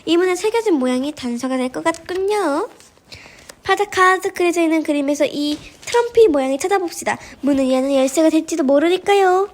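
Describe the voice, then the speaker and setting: Courteous, unflappable male detective, voiced by a woman. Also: very high voice. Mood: calm. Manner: calm, courteous, measured. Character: polite, composed male detective.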